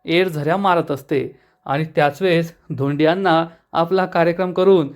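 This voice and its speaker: A man's voice: fairly high pitch, fairly even intonation, moderate pace. A man narrating a TV serial episode recap, telling the story step by step and quoting the characters.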